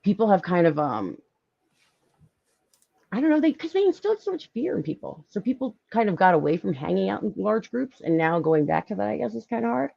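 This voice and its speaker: A woman's voice: medium pitch, brisk, vocal fry, slightly rough, no room sound, dull audio. Chatty woman with a Philly accent. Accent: Philadelphia. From Philadelphia. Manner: chatty, lively, laughs often, many fillers. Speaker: podcast host. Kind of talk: casual live-stream chat.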